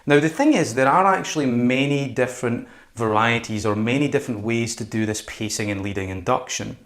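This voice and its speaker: A man's voice: mid-range voice, brisk, a bit bright. A man giving an informal explanatory lesson as a hypnosis instructor, stretching and stressing key words.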